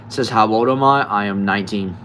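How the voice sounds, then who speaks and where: A late-teen American livestreamer chats in a relaxed way, answering comments one by one, a little fast. His voice sits a little low and his sentences often trail off quietly at the end, with a faint air-conditioning hum in the background.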